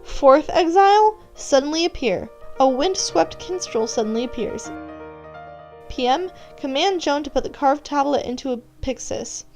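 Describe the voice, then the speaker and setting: A woman whose voice sits high, with a darkish tone, narrates a scripted second-person story, treating the listener as the character, while music plays behind her.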